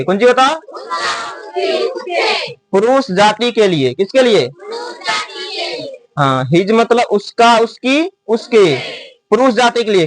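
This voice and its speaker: A man teaching a classroom lesson. He spells words out letter by letter, slowly, and keeps asking the class to repeat after him. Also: high voice. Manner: repeats and drills, asking the class to answer back.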